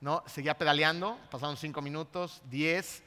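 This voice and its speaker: A Mexican-accented man preaches a sermon, spinning a personal story and checking in with his listeners. His voice is bright and pitched fairly high. The sound rings with the long reverb of a large hall. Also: normal speed, smooth. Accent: Mexican Spanish. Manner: lively storytelling, often checks in with the congregation.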